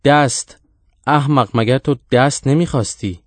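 Play a crude ancient witch woman from a storybook, shrill and screeching, sneering at everyone, as a man reading it. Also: expressive, a little mellow, no echo, natural voice. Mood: shrieking.

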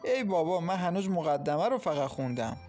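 A man's voice: on the high side, big pitch swings, darkish tone, faint music behind. A man reading an audiobook, voicing a bold, earnest young woman who is about to be engaged and jokes with her sister. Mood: playful. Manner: earnest, playful. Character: bold young woman, bride-to-be, anxious but playful. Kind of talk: audiobook character voice.

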